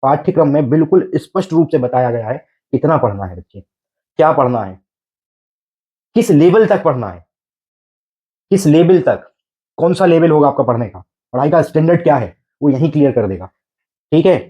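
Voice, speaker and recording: A man lecturing students in a coaching class, his voice sitting a little high for a man. He keeps asking rhetorical questions and checks again and again that they follow. His delivery is patient and repetitive. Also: animated, normal speed, long pauses, mellow, highs cut off. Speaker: teacher.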